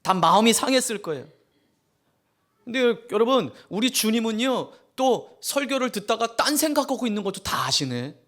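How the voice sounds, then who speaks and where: Animated humorous male pastor preaching. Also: sits high, normal speed. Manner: humorous, animated, exaggerated storytelling. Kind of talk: sermon. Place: church sanctuary.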